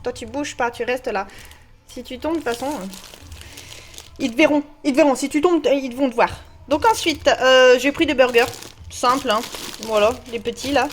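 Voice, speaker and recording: A woman's voice: high-pitched, normal speed, a little hiss or hum. A woman vlogging a grocery haul at home, chatting casually to camera with lots of jokes and laughter, feeling hot. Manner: chatty, joking, laughs often, self-mocking. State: hot and sweaty. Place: at home, indoors.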